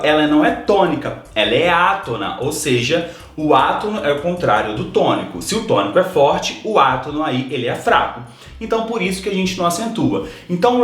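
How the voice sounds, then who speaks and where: A Brazilian man gives an exam-prep grammar lesson in a patient, friendly teaching voice. His pitch sits a little high and moves around with lots of life. The room around him is echoey. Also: fairly bright tone. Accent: Brazilian Portuguese. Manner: explains patiently, checks in with "tá?" and "ó".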